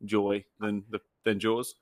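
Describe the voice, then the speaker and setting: A man's voice: on the low side, monotone, slow pace, no echo. A man who is a guest on a film podcast, talking in a laid-back, hesitant way that often trails off. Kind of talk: casual chat.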